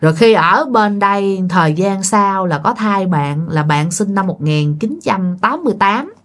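A woman's voice: medium pitch, lively intonation, measured pace. Chatty Southern Vietnamese woman storyteller. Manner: chatty, addresses listeners directly. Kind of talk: ghost story narration.

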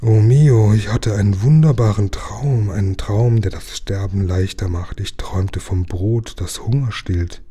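A man reading as a gentle loyal boy. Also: fairly low pitch, a little slow, hardly any pauses, slightly rough. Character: gentle loyal young boy, frightened friend. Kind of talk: storybook reading.

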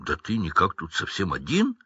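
A man doing Hagrid, gruff folksy giant. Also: deep voice, wildly swooping pitch, moderate pace, pushed and bright, no echo, muffled recording, heavily acted. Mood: surprised. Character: gruff huge male gamekeeper, half-giant.

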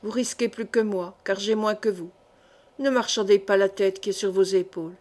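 A woman reading the part of a cunning, sneering middle-aged male seneschal in an audiobook, in a measured, calculating way. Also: mid-range voice, fairly even intonation, darkish tone, natural voice. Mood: menacing. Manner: sly, sneering.

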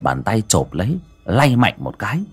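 A man narrating a ghost story in an expressive storytelling way. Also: on the low side, normal speed, slightly rough, faint music behind. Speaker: audiobook narrator.

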